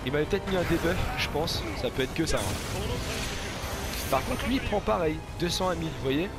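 Higher-voiced man, casual game commentary. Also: expressive, fairly quick, loud music behind the voice. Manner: informal, slangy, chatty. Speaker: gaming video host.

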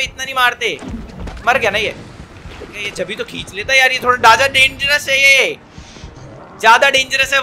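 A young man giving casual, jokey let's-play commentary, excitable and talking back at the game. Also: very high-pitched, a little hiss or hum. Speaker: gaming commentator.

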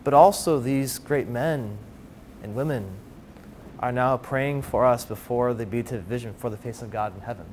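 A man speaking as a priest in a conversational faith discussion, at a middle pitch. He talks thoughtfully and hopefully, his pace speeding and slowing. A faint rumble lies behind him. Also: darkish tone.

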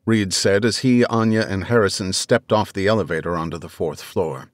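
Low-voiced man narrating an audiobook. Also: dry recording, studio quality. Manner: measured, even storytelling.

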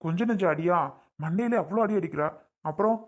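A woman's voice: fairly low pitch, a little fast, a little mellow, lightly acted. A woman voicing a young husband who lectures and reasons with his wife, repeating her name, in a family comedy skit. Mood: reproachful.

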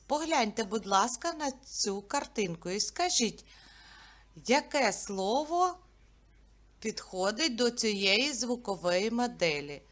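Slow, high-pitched woman teacher. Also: a bit bright. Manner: slow, clear, sound-by-sound pronunciation for young children; asks questions and pauses for answers. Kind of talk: early-years literacy lesson.

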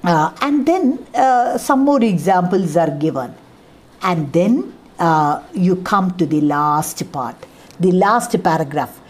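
A woman's voice: on the low side, expressive, slow. A middle-aged woman from India with a Kerala English accent, giving a college literature lecture and explaining with repeated examples and many "ah, see" fillers. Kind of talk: classroom lecture.

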